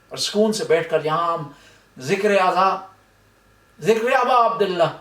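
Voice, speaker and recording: A man's voice: very high voice, fairly bright tone. A man giving a mourning majlis sermon and prayers, impassioned and rising to cries at the climaxes. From Pakistan. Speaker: majlis speaker. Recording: echoey hall, mic far off.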